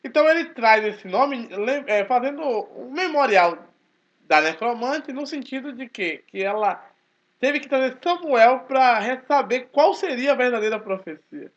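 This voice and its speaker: A man, talking casually to his channel in a forceful, emphatic way. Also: very high voice, measured pace. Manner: speaks forcefully, animated and emphatic. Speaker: channel host, Baptist churchgoer. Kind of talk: casual spoken commentary. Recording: dull lo-fi recording.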